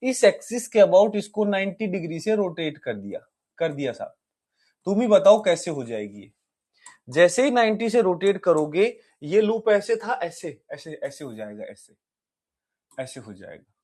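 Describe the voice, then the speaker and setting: A man teaching a physics exam-prep lecture in a lively, chatty way. He mixes English terms into his explanations and often asks his students questions. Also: high voice, measured pace.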